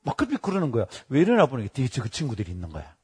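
Speaking very fast in a husky, mid-range voice, a middle-aged pastor delivers a sermon built around stories. He brings them to life by playing the people he quotes.

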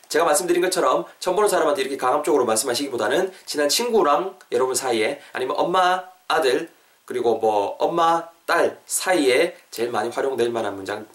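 A young adult man, hosting a podcast English lesson and drilling phrases over and over in a lively way. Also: medium pitch. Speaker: English teacher and podcast host. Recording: roomy room, distant from mic.

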